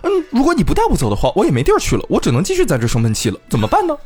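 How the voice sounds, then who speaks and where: Guy doing a high wailing young wife, pleading, voice swoops all over. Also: wildly swooping pitch, very fast, a little mellow, husky, soft background music, full character voice. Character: distraught young wife pleading with her brother. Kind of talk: comic story retelling.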